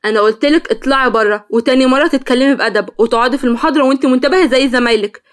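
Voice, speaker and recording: A woman's voice: high voice, very fast, natural voice. A woman voicing a strict young male teaching assistant, sarcastic and scolding, in an Egyptian Arabic accent. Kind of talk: storytelling.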